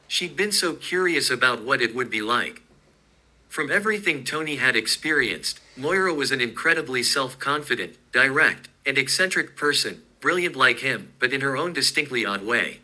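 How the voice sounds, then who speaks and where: A man giving a scripted narration of a fan story in a smooth, even reading. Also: medium pitch, moderate pace, low-quality recording.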